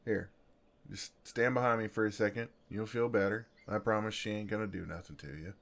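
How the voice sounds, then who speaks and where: A man with a Southern US accent plays a gentle, flirtatious farmhand in an intimate ASMR roleplay, speaking in an easygoing, folksy drawl that is tender and reassuring. His voice is lowish, steady and creaky, and he talks briskly.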